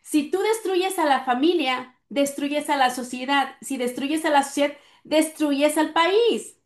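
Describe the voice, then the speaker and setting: A woman's voice: sits high, measured pace, roomy sound. A middle-aged woman earnestly telling a personal story, with many fillers along the way. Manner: earnest, speaks with frequent fillers. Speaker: guest sharing testimony.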